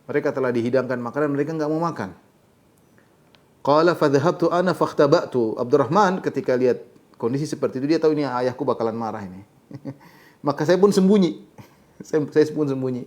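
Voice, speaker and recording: A middle-aged man giving a religious lecture, reciting short Arabic passages and then explaining them in an animated storytelling way. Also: mid-range voice, fairly quick. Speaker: Islamic teacher.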